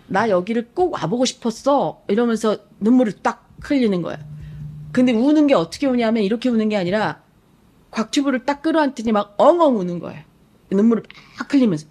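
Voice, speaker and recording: A woman's voice: on the high side, expressive, fast talker, mellow. A woman who works as a psychological coach, telling a story on a live stream and acting out the lines people said in a TV scene. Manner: retells a TV scene vividly, acting out quoted lines; emotionally engaged, admits crying at the scene.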